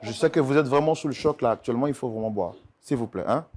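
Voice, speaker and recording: A man hosting a talk show as mediator, firmly and gently calming a distressed guest with repeated requests. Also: mid-range voice, quick pace, a little hiss or hum. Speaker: mediator host.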